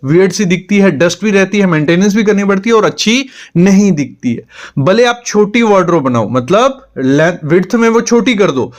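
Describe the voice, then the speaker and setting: Male interior design advisor, fairly high voice, direct instructional delivery. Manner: direct, advice-giving, talks straight to the viewer. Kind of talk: instructional home design explainer.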